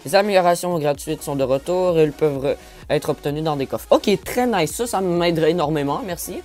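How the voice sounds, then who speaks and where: A man's voice: fairly high pitch, a little fast, darkish tone. A man giving casual gameplay commentary and reading update notes aloud, who stammers, says "euh" a lot and apologizes often. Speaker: gaming YouTuber.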